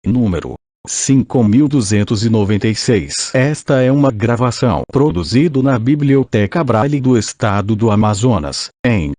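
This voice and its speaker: A man's voice: mid-range voice, animated, moderate pace, darkish tone, no echo. A synthetic male voice from an old speech synthesizer with a Brazilian accent, mechanically reading a formal text as an audiobook. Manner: mechanical scripted reading, spelling out punctuation.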